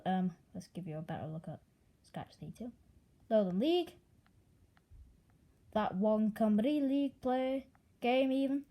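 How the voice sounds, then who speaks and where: A young woman with an American accent, originally from Italy, presents sports news, reading out football results in a casual, offhand manner with dry asides. Her voice is a little high and mellow.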